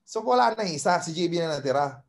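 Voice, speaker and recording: A man's voice: fairly high pitch, fast, creaky. A man in his thirties, a podcast guest, telling a story in a casual chat and acting out the lines of the people in it. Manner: animated, acts out quoted exchanges. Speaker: podcast guest, former college basketball player.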